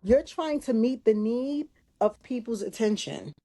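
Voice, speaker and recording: A woman co-hosting a casual podcast chat, thinking out loud with restarts and emphatic asides. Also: fairly high pitch, lively intonation, measured pace. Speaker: podcast co-host.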